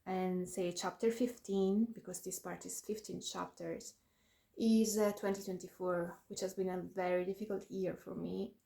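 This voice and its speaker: A woman's voice: on the low side, little pitch movement, normal speed, vocal fry, dark tone. A woman author chatting casually to camera about her new book, laughing often and making self-deprecating asides.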